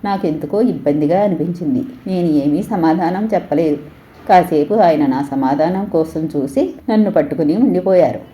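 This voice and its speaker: A woman narrating an audio story in the first person, reading in a gentle, measured way. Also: deep voice.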